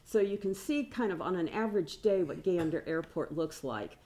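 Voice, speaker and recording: Low-voiced woman giving a conference talk. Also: lively intonation, normal speed, mellow. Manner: chatty, self-deprecating asides, light laughs. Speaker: business professor presenting at a symposium. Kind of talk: conference presentation with slides. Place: conference room.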